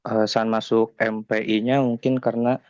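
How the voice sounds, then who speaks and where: A man in his twenties from Bandung, a teacher introducing himself slowly and hesitantly to a graduate class. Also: on the low side, little pitch movement, a little mellow, no echo, dull audio. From Bandung, Indonesia. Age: 20s. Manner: slow, hesitant.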